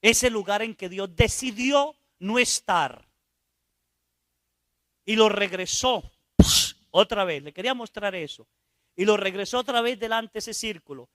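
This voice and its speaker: A priest delivering a sermon in a high, bright man's voice, recorded close and dry. He tells a story to the congregation, slipping into quiet asides and testing them with rhetorical questions. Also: unhurried, pauses often, dry recording.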